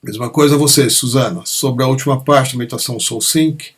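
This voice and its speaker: A man leading an online satsang, explaining ideas gently and calmly, often ending phrases with a soft questioning tag. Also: mid-range voice, brisk, husky. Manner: gentle, frequent "né?" tags, calm explanatory pacing. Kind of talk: unscripted spiritual talk answering questions. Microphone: online meeting microphone.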